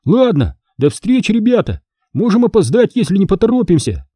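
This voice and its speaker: A man doing a squeaky, jumpy boy sidekick. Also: very animated, dark tone, no room sound, clean studio sound. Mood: jittery. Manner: jittery, quick quips. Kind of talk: audiobook character reading.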